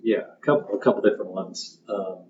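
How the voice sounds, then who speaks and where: A man in his thirties chatting as a podcast guest, halting with many ums and restarts. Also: deep voice, warm tone, a little hiss or hum. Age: 30s. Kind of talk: casual podcast chat. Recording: roomy, muffled podcast audio.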